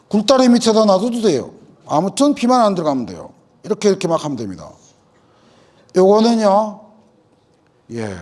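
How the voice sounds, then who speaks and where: In what sounds like a lecture hall, a middle-aged man teaches farmers through folksy storytelling. His voice is high with a darkish tone, rising and falling widely as he imitates the people in his anecdotes; he's an agricultural lecturer.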